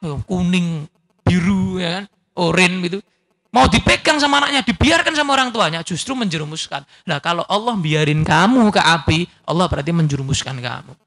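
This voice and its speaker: A middle-aged man with a Javanese accent preaching a sermon, lively and teasing, often asking his listeners questions. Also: on the high side, creaky. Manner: mixes Javascript-free Javanese phrases, lively and teasing, asks the audience questions. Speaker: Islamic preacher.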